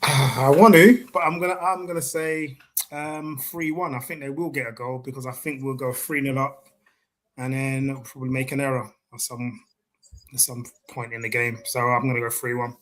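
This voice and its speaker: A man's voice: mid-range voice, fairly even intonation, normal speed, fairly bright tone. A man on a casual football podcast, hesitating and thinking aloud. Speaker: podcast panelist.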